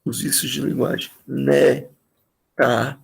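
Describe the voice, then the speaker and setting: A man's voice: mid-range voice, flat delivery, slow pace, creaky, slightly rough, low-quality recording. A man, a pastor giving casual, conversational teaching on preaching and repeating key phrases for emphasis. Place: live-streamed church talk.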